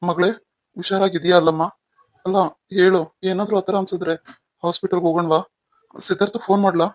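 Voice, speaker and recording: A man voicing a caring middle-aged father who fusses gently over his daughter. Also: high-pitched, flat delivery, fairly quick, dry recording, natural voice. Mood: fussing. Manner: fussing and gentle.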